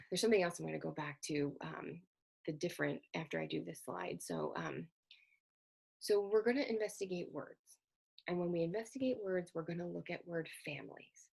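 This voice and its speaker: A woman delivering a recorded slide lecture on words, her voice a little low and gravelly with a husky edge. She explains step by step, spells out letters and corrects herself as she goes. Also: darkish tone. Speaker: literacy educator presenting slides.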